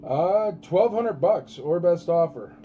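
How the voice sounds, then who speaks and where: Higher-voiced man as a casual live auctioneer. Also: expressive, takes it slowly, narrow, tinny audio, slight background noise. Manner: informal auctioneer patter with emphatic calls. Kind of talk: auctioneer running a casual live collectibles sale.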